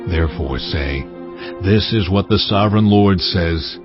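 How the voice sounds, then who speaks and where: An actor playing a solemn, commanding God who pronounces judgment gravely and deliberately in a dramatized audio Bible. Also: male voice, low voice. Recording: muffled sound with music behind. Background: cinematic music.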